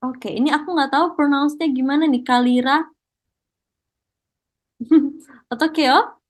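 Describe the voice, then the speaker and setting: A woman with a high voice leads an online language lesson. She explains step by step and often praises her students. Her tone stays encouraging throughout. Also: steady tone, measured pace. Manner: encouraging, mixes Korean praise into Indonesian. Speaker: Korean language teacher. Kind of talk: online class teaching.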